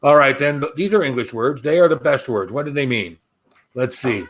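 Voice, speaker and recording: A male storyteller reading a first-person horror-comedy tale with sarcastic, wisecracking delivery. His pitch swings widely from line to line around a mid-level voice. The telling is lively and expressive throughout. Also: moderate pace.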